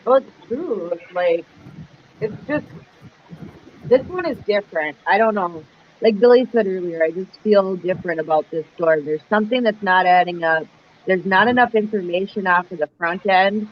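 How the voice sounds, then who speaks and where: A woman's voice: medium pitch, moderate pace. Casual, blunt woman on dull lo-fi audio. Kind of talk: casual speculative chat. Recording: dull lo-fi sound, faint noise.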